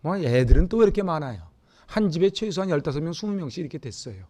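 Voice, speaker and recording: A middle-aged man from Seoul delivers a Sunday sermon in a somewhat high voice. He talks to his congregation like a conversation, often asking them questions. His delivery swings from loud, emphatic bursts to hushed, almost whispered asides. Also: very animated, fast talker. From Seoul, South Korea. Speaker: pastor.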